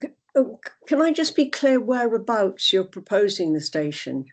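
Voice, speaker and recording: A woman's voice: medium pitch, sing-song, moderate pace. Polite, emphatic woman with mid-range voice. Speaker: meeting attendee giving feedback. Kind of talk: spontaneous meeting discussion.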